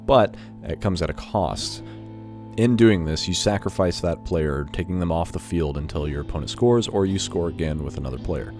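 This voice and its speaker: A man with an extremely low voice hosts a casual video game first-impressions show. He talks informally, loosely thinking aloud. Faint music plays behind him. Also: normal speed, a little mellow. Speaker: video game review host.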